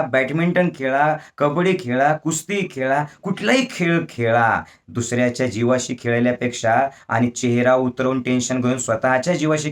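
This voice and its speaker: A man giving a motivational wellness talk, reciting verse slowly and rising to emphatic near-shouts for stress. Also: medium pitch. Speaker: spiritual wellness speaker.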